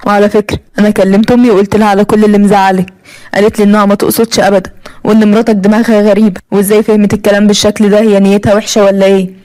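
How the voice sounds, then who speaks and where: A woman's voice: medium pitch, level tone, rapid-fire, dark tone, pitched below the performer's own voice, lightly acted, low-quality recording. A woman with an Egyptian accent voicing a placating husband who brushes off his wife's complaints, in a storybook cartoon. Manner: placating, dismissive. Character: husband caught between wife and mother, placating man.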